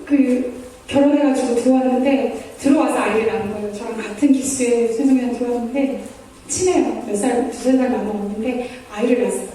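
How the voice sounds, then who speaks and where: A woman's voice: high voice, dark tone, slight background noise. A woman missionary preaching a sermon, earnest and pleading, acting out prayers in the first person. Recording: echoey hall from far off.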